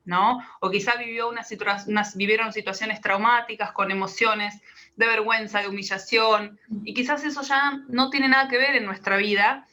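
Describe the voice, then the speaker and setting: A woman, a practitioner calmly explaining her method step by step in an interview. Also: mid-range voice. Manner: calm, patient, explains step by step. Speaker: guest, biodecoding practitioner.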